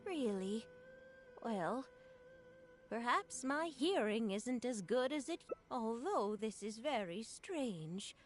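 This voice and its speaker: A woman playing a kindly, devout elderly grandmother in an anime game, with a gentle, polite, unhurried delivery. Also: a little high, lively intonation. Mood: puzzled, friendly. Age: older. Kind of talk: scripted anime game character acting. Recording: clear background music under the voice.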